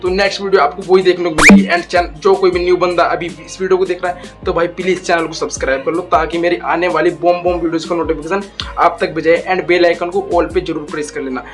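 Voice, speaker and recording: A young man coaching his viewers through voice exercises in a slow, deliberate way. His voice sits a bit high for a man, and soft music plays faintly behind him. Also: steady tone. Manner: slow, deliberate, addresses viewers as guys and bro. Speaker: YouTube voice coach. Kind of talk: casual tutorial talk.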